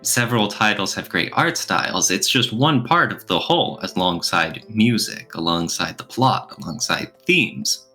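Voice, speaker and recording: Over soft background music, a male podcast co-host reviews things in casual discussion. His lowish voice is animated and sharp-toned, and he explains his points thoughtfully at a moderate pace.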